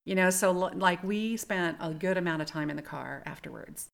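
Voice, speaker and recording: A woman's voice: on the low side, normal speed, vocal fry. A middle-aged woman co-hosting a podcast, thinking aloud as she reflects on a shared story in casual chat. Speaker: podcast co-host.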